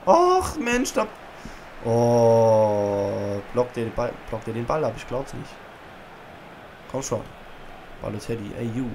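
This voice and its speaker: Young man, let's play commentary, excitable, casual, desk mic, faint background hiss. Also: mid-range voice, moderate pace, pauses often. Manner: excitable, shouts player names at big moments. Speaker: gaming channel host. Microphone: USB podcast microphone.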